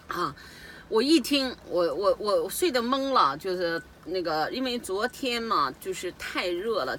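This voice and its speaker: A woman's voice: on the low side, slight background noise. A woman from northeast China, giving a heated, indignant first-person account as a petitioner. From Dalian, northeast China. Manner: heated, indignant, growing louder as she tells it. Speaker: petitioner recounting an incident.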